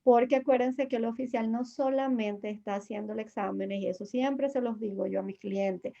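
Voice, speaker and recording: A woman's voice: on the high side, normal speed, vocal fry, dark tone, lo-fi sound. A woman immigration lawyer giving patient, reassuring explanations as an interview guest, with many fillers and restarts.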